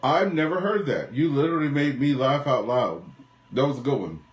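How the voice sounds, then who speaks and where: A man's voice: medium pitch, lively intonation, brisk, echoey room. A Canadian man hosting an amateur radio net, chatting casually and rambling with self-corrections. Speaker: net control host.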